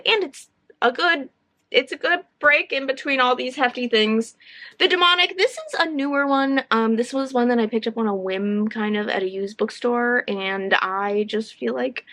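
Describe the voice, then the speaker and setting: A woman with a bright, high-pitched voice chats casually to camera as a book vlogger. She is upbeat and talkative, and she wanders through her thoughts with plenty of fillers. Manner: chatty and upbeat, rambling with fillers. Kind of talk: casual chat.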